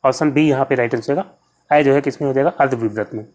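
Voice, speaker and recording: A man's voice: mid-range voice, steady tone, fast, a little mellow. A man teaching an exam-prep lesson, patiently explaining answers and repeating key terms as he addresses viewers as friends. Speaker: Hindi exam tutor.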